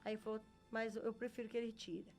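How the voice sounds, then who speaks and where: Brazilian woman, middle-aged, earnest testimony teller who voices each quote, raised pitch, faint music under her. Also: flat delivery, quick pace, darkish tone. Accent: Brazilian Portuguese. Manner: earnest storyteller who acts out quoted dialogue. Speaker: interview guest. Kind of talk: personal faith testimony.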